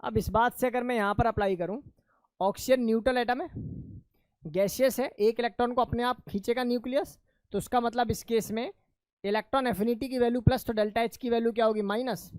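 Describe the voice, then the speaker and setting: A man's voice: extremely high pitch, fairly even intonation, fairly quick, smooth, no room sound. A male chemistry teacher lecturing in a classroom. He keeps asking his students questions, answers them himself, and calls them "beta".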